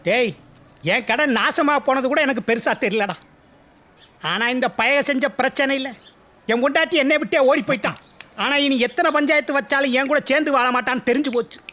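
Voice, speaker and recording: A man's voice: very high-pitched, fairly quick, pushed and bright. An actor playing a self-pitying husband and small shopkeeper who rants about his ruined shop and his troubles. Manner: whining, ranting.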